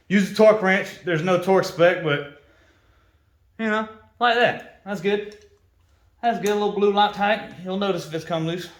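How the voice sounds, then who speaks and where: A man's voice: a little high, reverberant. A man who is a mechanic talks casually through a motorcycle parts install, half-whispering to himself as he works. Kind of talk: casual how-to while working.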